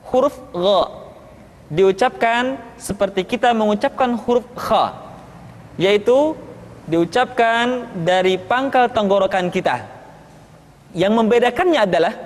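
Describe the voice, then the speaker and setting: A man teaching Quran letter pronunciation, drilling syllables slowly and chanting practice lines. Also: high-pitched. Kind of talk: slow instructional pronunciation lesson. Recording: long hall reverb.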